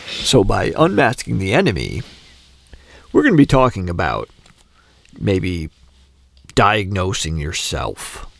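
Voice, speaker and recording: A man co-hosting a podcast, talking in a halting, casual way. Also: on the low side, gravelly, no echo. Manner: halting, with fillers and restarts. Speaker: podcast co-host. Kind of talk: casual chat.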